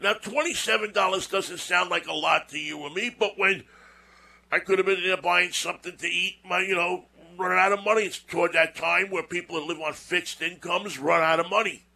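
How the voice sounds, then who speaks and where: Bright-voiced rambling man telling a story. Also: high voice, fairly even intonation, fairly quick, creaky. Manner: rambling, repeats words, folksy asides. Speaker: show host. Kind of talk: casual storytelling monologue.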